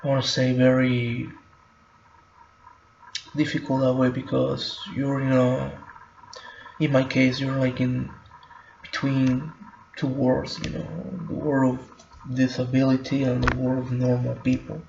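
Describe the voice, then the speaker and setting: This male vlogger, a native Spanish speaker, delivers a reflective personal monologue in a halting way, full of fillers and restarts. His voice is mid-range, gravelly and flat. It's a roomy, muffled home recording with slight background noise.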